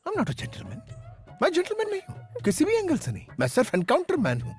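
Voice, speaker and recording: A swaggering hot-headed cop. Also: male voice, high-pitched, huge pitch swings, normal speed, soft background music. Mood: boastful. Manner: swaggering, theatrical outbursts. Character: boastful, hot-headed male police officer. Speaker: police officer (DCP). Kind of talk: Hindi film dubbing.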